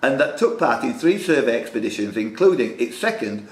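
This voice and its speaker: Reading questions at a fairly quick clip, this male quiz host has a mid-range, very animated voice and keeps up jokey, teasing banter. He's in a club room, recorded with echo and background noise.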